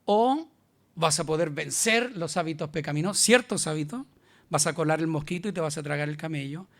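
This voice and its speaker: A man's voice: fairly high pitch, fairly quick, fairly bright tone. A male pastor with a Chilean accent, preaching an emphatic, colloquial sermon. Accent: Chilean Spanish.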